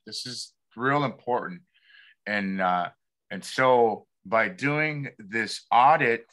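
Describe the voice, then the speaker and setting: A man hosts an informal community talk show at a slow pace, with a bright, forceful voice. His delivery is halting, and he often repeats a word while he finds the next. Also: lowish voice. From Lummi community, Pacific Northwest United States. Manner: halting, repeats words as he searches for them.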